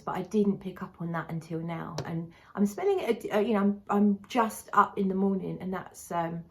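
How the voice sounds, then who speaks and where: Lisping woman with whistling s, chatting casually. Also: medium pitch. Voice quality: lisp with whistling s from a dental brace. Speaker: perfume reviewer. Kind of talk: casual chat to camera.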